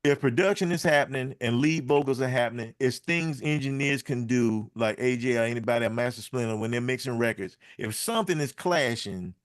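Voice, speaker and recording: A man's voice: mid-range voice, fairly quick, hardly any pauses, no echo, clean studio sound. A man speaking casually on a music business panel, rambling and addressing the audience as y'all.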